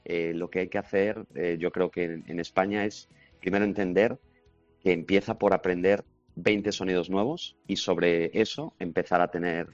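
A man with a low, steady voice answers interview questions as a language teaching expert, sounding confident and explanatory at a moderate pace. Soft music plays behind him, with no echo, on a slightly dull lo-fi recording.

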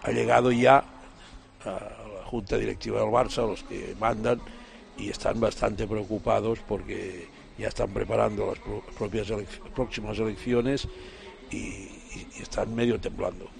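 A man's voice: on the low side, fairly even intonation, moderate pace, vocal fry. A man giving football commentary on a radio sports show, emphatic and repeating himself as he starts. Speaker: football pundit.

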